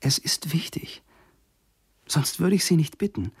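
A man's voice: on the high side, animated, a little slow, slightly rough, whispered, voice pushed up, full character voice. A man voicing a lonely woman who pleads urgently on the phone. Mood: anxious.

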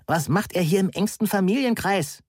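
A man reading an audiobook, voicing a loud, violent grandmother who scolds in a shrill voice. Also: wildly swooping pitch, brisk, no room sound, studio quality. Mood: indignant. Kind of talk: audiobook character voice.

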